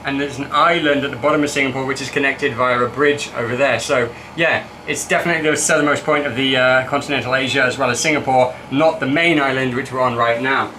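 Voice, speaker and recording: A man's voice: medium pitch, steady tone, fast talker, hardly any pauses, sharp tone, a little hiss or hum. A young man vlogging his travels outdoors, chatty and teasing, talking into a handheld camera. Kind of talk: casual vlog narration. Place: outdoors and in a cable car.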